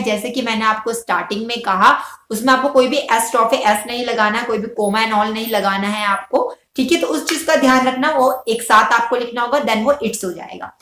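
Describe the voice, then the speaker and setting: A woman teaching an English grammar lesson in Hindi mixed with English. She asks her own questions, answers them with "very good", and slows down for the English example sentences. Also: a little high, a bit bright. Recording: echoey room.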